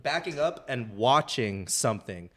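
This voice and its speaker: A man's voice: mid-range voice, expressive, unhurried, a bit bright. A young man on a casual podcast, telling a long story full of fillers and swearing. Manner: rambling storyteller, swears freely, many fillers. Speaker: podcast co-host.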